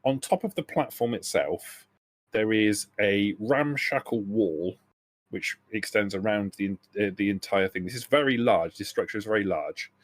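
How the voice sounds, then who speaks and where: A game master narrates a tabletop RPG session, his somewhat low voice stumbling and self-correcting as he describes scenes. No echo is present.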